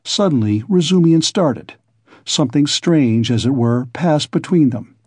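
A man narrating an audiobook in a measured, even storytelling manner. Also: a little high, slightly rough, no echo, clean studio sound. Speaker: audiobook reader.

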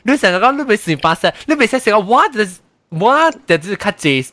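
Guy chatting with friends, high bouncy voice, laughs a lot, drops in english words. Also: big pitch swings, drawn-out words, pushed and bright, no echo. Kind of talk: casual chat.

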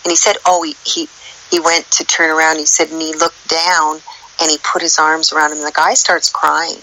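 Guest woman with a deep, gravelly voice and a sharp, bright tone; earnest and rambling. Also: little pitch movement, moderate pace, a little hiss or hum, poor audio. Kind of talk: casual spiritual chat.

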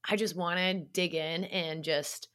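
A woman from Canada co-hosts a sports podcast in easy, casual chat. Her voice is bright and crisp, and she bubbles along with frequent laughs and animated asides. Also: lowish voice, measured pace. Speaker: podcast co-host.

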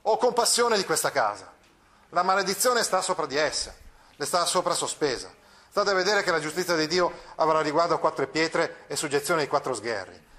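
A man's voice: on the high side, sing-song, a little fast, bright, forceful tone. A man reading as a stern indignant old friar. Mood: stern rebuke. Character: indignant elderly friar rebuking a lord. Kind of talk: reading a novel aloud in class.

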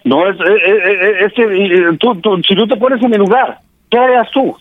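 A man's voice: high-pitched, normal speed. A middle-aged man, a distraught father scolding and repeating himself over a phone line. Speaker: prank call target, father.

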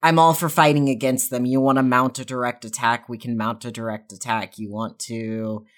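A woman playing a weary, gentle man who pleads softly with a friend. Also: a bass voice, flat delivery, normal speed. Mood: pleading. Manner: soft-spoken, pleading.

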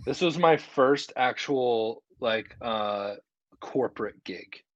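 A man's voice: mid-range voice, takes it slowly. A man telling a casual anecdote as a guest comedian on a podcast, recorded in a hallway with audible echo. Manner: conversational, quotes other people's dialogue. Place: indoor hallway, video call. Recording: echoey hallway, dull muffled sound.

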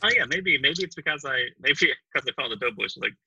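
A man co-hosting a comedy podcast, riffing in a deadpan, mock-promotional way. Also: fairly high pitch, fast talker, a little hiss or hum, poor audio. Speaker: podcast co-host.

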